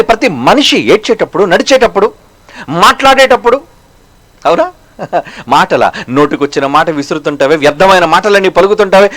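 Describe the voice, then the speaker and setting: With a high-pitched voice, this male preacher hurls rhetorical questions at the congregation during his sermon. He alternates between booming and quiet passages and slows his pace to stress points.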